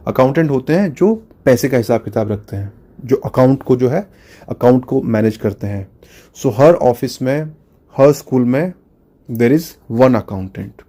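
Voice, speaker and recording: A man's voice: medium pitch, dark tone. A man with an Indian accent teaching a school class, spelling words out letter by letter and switching between Hindi and English. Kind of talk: online class lesson.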